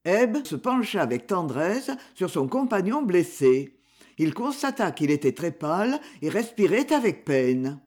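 A man narrating a storybook in an expressive, dramatic reading. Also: high voice, unhurried. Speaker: audiobook narrator.

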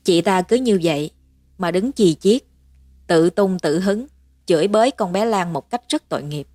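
A woman reading a Vietnamese-language horror story aloud in a steady, measured narration. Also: on the low side, no room sound.

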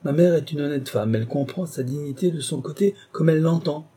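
A man reading an audiobook who voices a calm, dignified young magistrate speaking in a cool, composed, firm way. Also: on the high side, fairly quick, breathy edge, voice pushed up.

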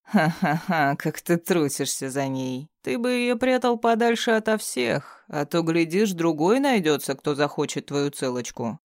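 A man's voice: a little high, expressive, unhurried, few pauses, no room sound, studio quality. A man voicing a vicious, crude male thug who is tied to a chair and taunts his captor. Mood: taunting. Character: vicious sneering male thug, bound and bloodied.

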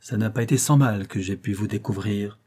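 Man voicing a dutiful detective, grave, measured, mellow voice, husky, audiobook. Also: lowish voice. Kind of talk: audiobook reading.

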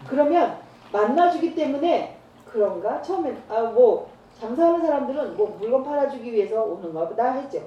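In a church hall, a middle-aged woman preacher tells stories for a training session, voicing each character's lines with energy. Her pitch is fairly high and her speed normal; the audio is dull, recorded far from the mic in the roomy hall with faint noise.

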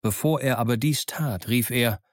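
A man narrating an adventure audiobook in a steady, measured reading. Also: mid-range voice, no room sound, studio quality. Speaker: audiobook reader. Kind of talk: scripted narration.

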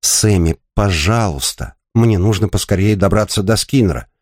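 A man's voice: fairly low pitch, normal speed, a little mellow, no room sound, clean studio sound, natural voice. A man doing a scared pleading young woman. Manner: pleading, tense. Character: frightened young female bike courier, pleading.

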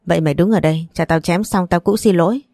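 A woman's voice: quick pace, dark tone, dry recording, clean studio sound, natural voice. Woman reading as a cursing old grandmother. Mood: outraged. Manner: cursing, shrill scolding. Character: furious, foul-mouthed old grandmother.

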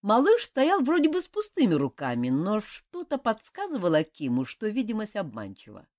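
A woman's voice: mid-range voice, moderate pace. A woman reading a fantasy novel aloud as an audiobook narrator, telling it expressively. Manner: expressive storytelling. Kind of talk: scripted narration.

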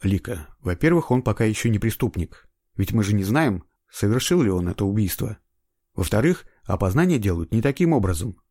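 A man playing an ironic, impatient middle-aged investigator in an audiobook, gruff and scolding. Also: lowish voice, big pitch swings, brisk, mellow, no room sound, clean studio sound. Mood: pressing. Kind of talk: audiobook reading.

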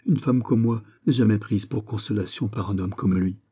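A man's voice: lowish voice, normal speed, dark tone, slightly rough. A man doing a proud, heartbroken young noblewoman. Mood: impassioned.

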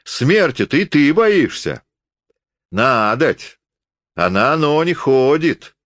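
A man voicing a drunk, menacing old male forester who speaks hoarsely in slurred folksy speech. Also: mid-range voice, very animated, slow pace, fairly bright tone, no echo, pitched above the performer's own voice. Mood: drunk blustering.

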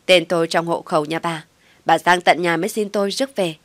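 A woman's voice: fairly low pitch, fairly even intonation, fairly quick, no echo, close to an everyday voice. A woman voicing a scheming young pregnant wife who snaps back and fakes begging. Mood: defiant. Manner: defiant, then whiny begging.

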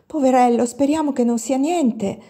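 A woman reading an audiobook and voicing a kind, sensible young schoolgirl in a soft, breathy voice. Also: sits high, normal speed, pitched above the performer's own voice. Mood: gentle, caring. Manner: gently compassionate.

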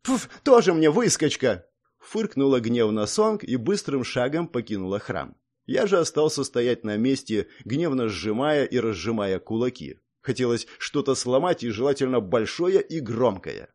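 A man narrating a fantasy audiobook in the first person, expressive and acting out the dialogue. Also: medium pitch, normal speed. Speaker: audiobook reader.

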